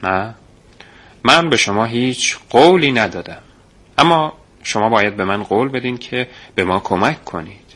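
A man voicing a calm, secretive grown man who speaks in a reassuring, confiding way. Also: medium pitch. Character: calm secretive middle-aged man recruiting a boy.

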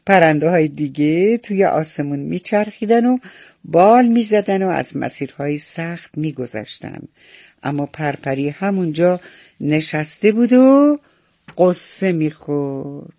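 Soft-spoken guy reading a kids' bedtime story, slightly high voice, dry close sound. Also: lively intonation, no echo. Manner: gentle, affectionate, talks straight to the kids. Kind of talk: bedtime story narration for children.

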